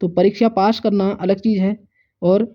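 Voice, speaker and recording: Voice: medium pitch, steady tone, moderate pace. Earnest teacher drilling spelling, dull audio. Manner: drilling, repeating each correct and wrong form; earnest, stressing exam importance. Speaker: Hindi teacher. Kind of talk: exam-prep spelling lesson.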